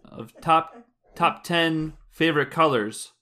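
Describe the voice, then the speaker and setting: Male podcast host, relaxed, rambles, teases his friends. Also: a little high, slow pace. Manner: laid-back, rambling, teasing. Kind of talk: casual chat.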